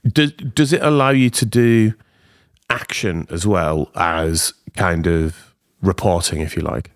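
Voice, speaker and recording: A man's voice: deep voice, takes it slowly, no echo, clean studio sound. A man co-hosting a business podcast, asking questions inquisitively and rephrasing them as he goes. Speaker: podcast co-host. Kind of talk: podcast interview.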